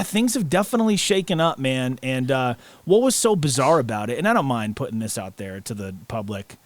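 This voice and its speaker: A man's voice: medium pitch, no room sound. A man co-hosting a podcast, chatting casually in an earnest, storytelling way. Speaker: podcast co-host.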